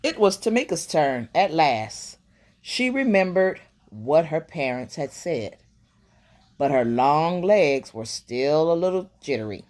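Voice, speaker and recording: Here a bedtime storyteller, a woman with a low-pitched voice, takes her time reading a children's picture book. The reading is expressive, and she murmurs quiet asides.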